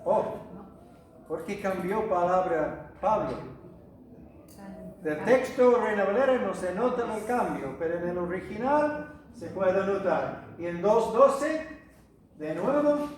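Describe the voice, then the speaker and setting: A man's voice: high-pitched, lively intonation, slow, pauses often, a little hiss or hum. A man, a missionary preacher, teaching a Bible study to a church and putting questions to the listeners with many hesitations. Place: church hall. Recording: echoey hall, recorded from far off.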